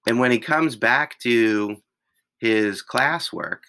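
A male teacher with a raspy voice, patiently walking students through an online classroom step by step. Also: medium pitch, pushed and bright, rough recording. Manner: slow, patient step-by-step explaining. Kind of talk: screen-recorded class tutorial.

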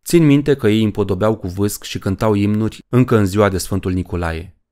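A man's voice: fairly low pitch, a little mellow, lightly acted. A man voicing a dry, ironic older man in a horror audiobook.

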